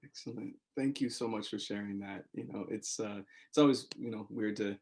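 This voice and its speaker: A man's voice: fairly low pitch, a little fast, darkish tone, a little hiss or hum. A man interviewing an author, speaking appreciatively with some fillers and restarts. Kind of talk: conversational interview.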